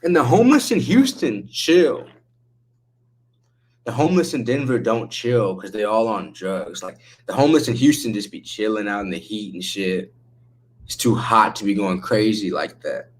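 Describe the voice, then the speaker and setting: A man's voice: fairly low pitch, lively intonation, normal speed. A man hosting a casual chat with a laid-back stoner drawl, using slang and swearing freely. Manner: slangy, profane. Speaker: livestream host chatting with viewers.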